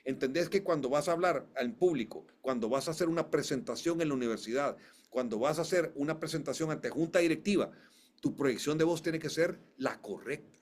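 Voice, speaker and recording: A man's voice: on the high side, fairly quick. A man who works as a voice coach, talking in an interview. He speaks emphatically, repeats phrases and often restarts his sentences. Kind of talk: conversational interview storytelling.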